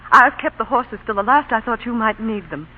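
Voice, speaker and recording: In a vintage 1930s-40s radio drama, an actress plays an anxious, devoted wife and mother, sounding earnest, emotional and worried. Her voice is fairly high, animated and fairly quick, and the old broadcast sounds tinny and faintly noisy.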